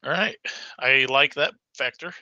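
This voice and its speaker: A man with a very bright, sharp voice plays a tabletop game, speaking partly in character and stumbling over restarts. The sound is dry and dull, like a lo-fi mic close up. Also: medium pitch, measured pace, dry recording. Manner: hesitant, many fillers and restarts. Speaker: player.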